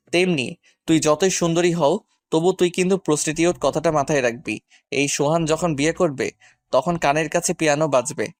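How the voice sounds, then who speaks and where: A man's voice: a little high, dry recording, close to an everyday voice. A man playing an arrogant, cruel young husband who speaks harshly and with contempt in a Bengali audio drama.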